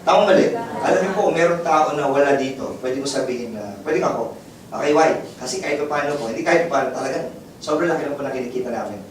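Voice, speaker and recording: A man's voice: mid-range voice, lively intonation, fast. A man giving a motivational business presentation to a live crowd, joking often and asking the audience to agree. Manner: call-and-response, keeps asking the crowd to agree; laughs often, jokey. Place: event hall with audience. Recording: very echoey hall, far mic, audience.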